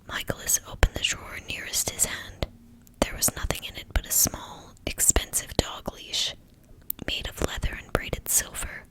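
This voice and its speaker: A woman reading a novel aloud as ASMR in a hushed, breathy whisper. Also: normal speed, low-quality recording. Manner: hushed, fully whispered narration.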